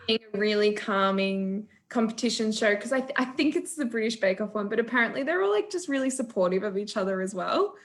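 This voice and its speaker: A woman's voice: medium pitch, expressive, a little fast, few pauses. A young woman, co-hosting a casual chat, chatty and giggly. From Australia. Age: young adult. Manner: warm, chatty, giggly, says "like" a lot. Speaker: co-host.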